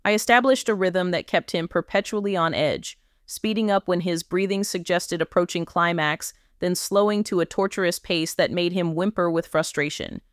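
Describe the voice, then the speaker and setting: A woman with a low, smooth voice narrates an erotic story in the first person. Her reading is measured and commanding, and the recording is close and dry. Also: dry recording.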